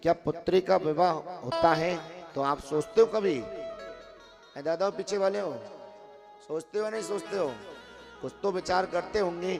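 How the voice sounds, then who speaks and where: A man's voice: high-pitched, normal speed, creaky, long pauses, over music. A man telling a devotional story as a sermon to a seated audience, often asking them questions and calling out to listeners in the back. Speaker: kathavachak preacher. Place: ashram hall with a seated audience.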